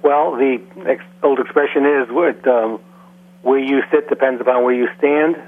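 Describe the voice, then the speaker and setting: Male radio guest, measured explainer, raspy voice, tinny telephone quality. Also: mid-range voice, fairly even intonation. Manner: measured, explanatory, with frequent fillers. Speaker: guest language expert. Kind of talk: casual radio interview. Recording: phone-like, husky radio line.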